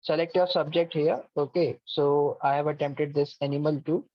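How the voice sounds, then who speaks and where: Over a video call mic, a man with a fairly high, fairly even voice patiently guides students step by step through an online course platform, saying "okay" a lot. He talks at normal speed, and the dull, lo-fi call audio is dry with no room sound.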